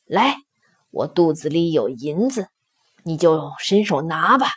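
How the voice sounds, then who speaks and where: A woman voicing a kindly old male stone lion who laughs heartily and speaks slowly. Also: low voice, very animated, slightly rough, pitched below the performer's own voice, exaggerated voice. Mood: jovial.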